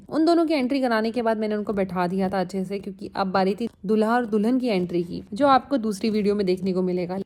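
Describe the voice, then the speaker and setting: Young adult woman, vlogger, casual voice-over, lively storytelling, medium pitch, talks to viewers. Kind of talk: chatty voice-over narration of a family event.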